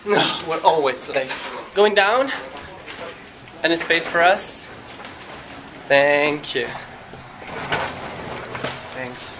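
A man's voice: fairly high pitch, expressive, very slow, long pauses, background noise. A young man with an Italian accent, chatting casually and joking through a tired travel vlog. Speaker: vlogger.

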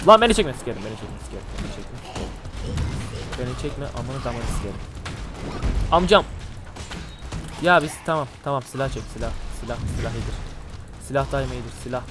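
A man with a nasal, blocked-nose voice, casually commenting on a game he is playing, swearing and breaking into excitable outbursts. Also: medium pitch, fast talker, background noise. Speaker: gameplay commentator. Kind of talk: casual let's-play commentary. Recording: gunfire and game music behind.

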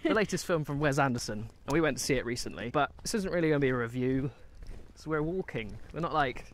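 Strolling through woods and countryside, a twenty-something British film review co-host chats in a rambling, musing way, animated and fast-talking in a medium-pitched voice. The audio comes from a handheld camera held at arm's length and picks up outdoor background noise.

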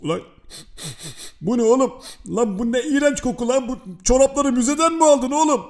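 A man's voice: very high-pitched, a little fast, a little mellow. A man voicing a grumpy cursing pet. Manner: grumbling, startled, crude insults. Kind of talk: comic dubbing of funny videos. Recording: music behind.

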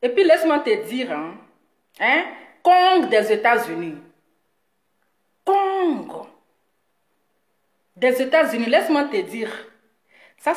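A woman talking straight to her viewers in a boastful, mocking rant, teasing her critic with drawn-out words and frequent laughs. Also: fairly high pitch. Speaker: video blogger addressing her audience. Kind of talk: boastful direct-to-camera rant. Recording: echoey room.

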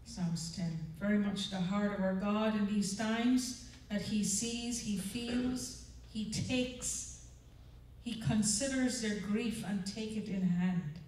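Speaking slowly and fairly evenly, an older woman leads a chapel devotional and prayer from a large church auditorium stage, earnestly asking the audience to agree. Her slightly mellow, mid-pitched voice comes through a handheld mic from a distance, echoing heavily over a faint room hum.

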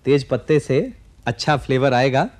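A man's voice: medium pitch, moderate pace. A man in his forties hosting a televised cooking demonstration in a studio kitchen, explaining each step directly to viewers. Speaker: TV cooking show host.

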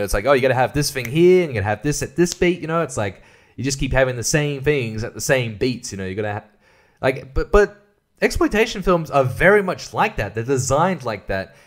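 A man hosting a podcast, giving a casual spoken film review. He rambles, swears, laughs often and jumps up in pitch for emphasis. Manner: rambling, profane, laughs often, many fillers. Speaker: podcast host reviewing films.

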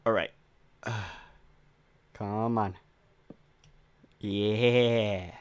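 A man's voice: fairly even intonation, drawn-out words, clean tone, no room sound. A young man narrating his own game attempts, swearing and yelping in frustration when he fails. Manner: raging, swearing, voice cracking high when failing. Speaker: gamer. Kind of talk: Minecraft parkour gameplay commentary.

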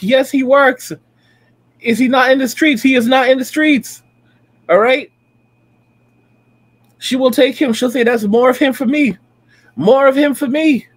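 High-voiced man ranting in commentary. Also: no room sound. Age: late 30s. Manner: preachy, repetitive, emphatic. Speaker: reaction streamer. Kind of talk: ranting commentary over clips.

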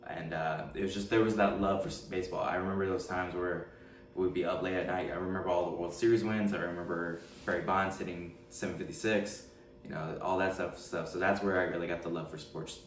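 A man's voice: low voice, fairly even intonation, a little fast. A man in his twenties from California, answering interview questions at home in a hesitant way, with many fillers and restarts. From Richmond, California. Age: 20s. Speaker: documentary interviewee. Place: room at home, seated. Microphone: far camera mic. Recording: roomy echo, distant mic, faint hum.

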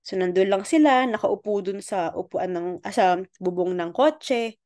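A woman's voice: mid-range voice, moderate pace, a little mellow, no room sound, studio quality. A woman explaining a court ruling in a casual lecture style, often checking in with "okay?" and mixing in English. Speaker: law explainer.

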